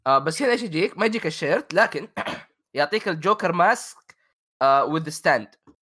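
A man's voice: on the high side, lively intonation, fairly quick, sharp tone. A man chats casually as a gaming show co-host, mixing in English words and phrases and repeating words for emphasis like an enthusiastic fan. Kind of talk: casual chat about video games.

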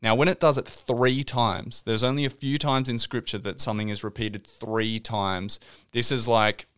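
A man co-hosting a faith podcast, explaining a Bible passage in a relaxed, teasing way. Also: mid-range voice, moderate pace, clear, resonant tone, no echo, clean studio sound. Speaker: podcast co-host. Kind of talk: casual Bible teaching chat.

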